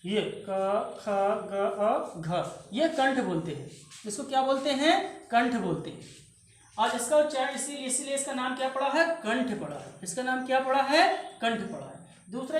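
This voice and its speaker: A woman teaching a grammar lesson, asking questions and answering them herself and repeating key terms. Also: sits high. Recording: very echoey room, faint noise.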